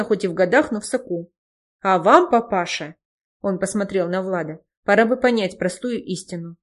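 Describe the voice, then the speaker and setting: A woman's voice: mid-range voice, lightly acted. A woman voicing a phlegmatic, wry man giving a mock-formal speech. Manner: phlegmatic, lecturing.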